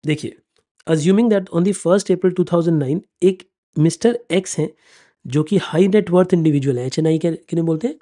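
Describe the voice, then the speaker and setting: A finance exam teacher gives a classroom lecture in a mellow, fairly high voice at a moderate pace. He explains step by step and keeps checking that students follow, fondly calling them "beta" and "bachchon".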